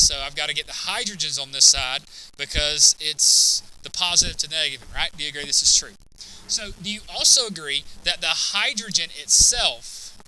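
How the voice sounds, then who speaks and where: A man's voice: on the high side, bright, forceful tone, poor audio. A man teaching a chemistry class, lecturing and constantly checking in with students by asking "right?" and "okay?".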